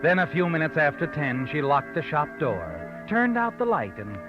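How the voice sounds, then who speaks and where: An actor playing a sinister, all-knowing night wanderer who narrates a 1940s radio drama in a theatrical manner. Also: male voice, fairly high pitch, sing-song, moderate pace, over music. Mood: suspenseful. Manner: ominous, theatrical. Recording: dull 1940s radio recording.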